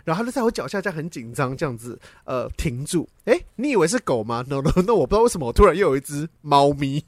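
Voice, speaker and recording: A man's voice: fairly high pitch, sing-song, fast talker, no echo, clean studio sound. A man co-hosting a casual chat podcast, dramatically retelling a story with laughs and the odd swear. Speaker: podcast co-host.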